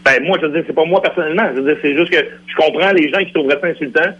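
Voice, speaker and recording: A man's voice: fairly high pitch, rapid-fire, fairly bright tone, breathy edge. A man with a Quebec French accent, a radio guest arguing insistently in a heated debate. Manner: insistent, argumentative. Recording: lo-fi radio broadcast.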